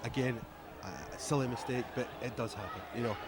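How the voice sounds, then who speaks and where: A man's voice: mid-range voice, steady tone, brisk. A man giving live American football commentary as a co-commentator. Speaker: sports co-commentator.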